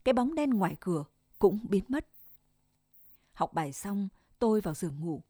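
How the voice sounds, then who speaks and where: A woman narrating a first-person story in a measured, reflective way. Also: mid-range voice, very animated, warm tone, no echo, clean studio sound.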